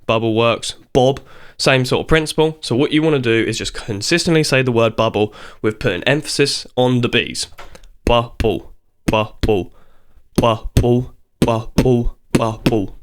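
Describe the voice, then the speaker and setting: A man's voice: medium pitch, fairly quick, clean tone. Casual man teaching beatbox basics. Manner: chatty and informal, breaks off to demonstrate sounds. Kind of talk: casual video tutorial.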